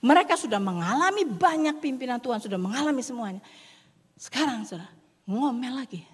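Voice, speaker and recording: Husky woman preaching in a reverberant hall. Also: on the high side, animated, a little fast. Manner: dramatic, mixes in English words; drops to whispers for emphasis. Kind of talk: sermon. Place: church hall. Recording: long church hall reverb.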